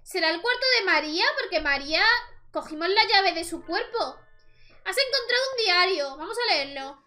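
A woman's voice: very high-pitched, expressive, normal speed, bright, forceful tone, soft background music. A young woman with a Spain Spanish accent gives chatty gameplay commentary, exclaiming at the screen and talking to her viewers. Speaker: let's play host.

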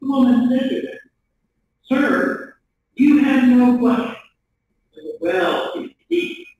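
Middle-aged priest preaching slow, high lively voice, echoey church picked up from far off. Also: male voice, highs cut off, a little hiss or hum. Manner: measured, deliberate delivery from a pulpit. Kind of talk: gospel reading and sermon. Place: church sanctuary, at a lectern. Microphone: stand mic, camera from across the room.

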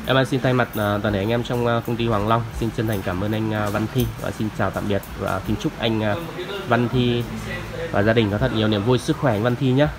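A man's voice: lowish voice, fairly even intonation, brisk, low-quality recording. Polite salesman, music behind. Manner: polite, deferential, with frequent hesitations. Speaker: audio shop salesman. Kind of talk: product demo sales pitch. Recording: music playing clearly behind.

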